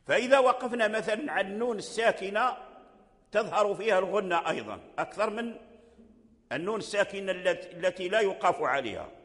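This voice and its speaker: Man, sheikh giving a religious lecture, high voice for a man, slow and repetitive, long reverb hall. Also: lively intonation, a bit bright. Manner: repeats phrases, slow deliberate explanation. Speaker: sheikh teaching Quran recitation.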